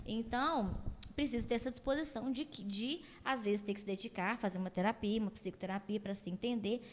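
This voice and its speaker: A woman speaking as a psychologist guest on a casual podcast, animated and acting out quoted lines of dialogue. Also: a little high, fast talker, in a large hall.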